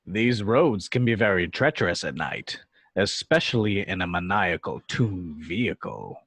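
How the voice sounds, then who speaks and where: A man playing a sinister, smug villainous judge in an amateur film-script read, measured and coolly mocking. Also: deep voice, big pitch swings, a bit bright, breathy edge, dry recording, heavily acted. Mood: falsely polite.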